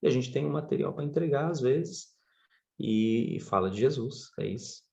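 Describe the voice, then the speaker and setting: A man from Brazil, a podcast guest and surf instructor telling stories in a casual interview, his pitch jumping up expressively. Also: expressive, normal speed, vocal fry, darkish tone, lo-fi sound.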